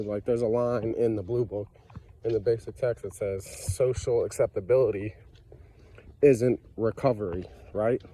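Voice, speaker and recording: Congested from a cold, a man speaks earnestly about his own life, sharing how he recovered in a relaxed vlog monologue that loops back on repeated phrases and fillers. He has a lowish, mellow voice.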